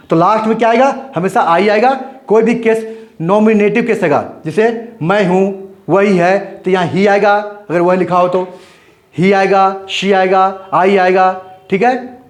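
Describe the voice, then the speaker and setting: High-pitched man teaching grammar in Hindi. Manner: explains in Hindi with English terms, asks quick checking questions. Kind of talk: Hindi classroom lesson.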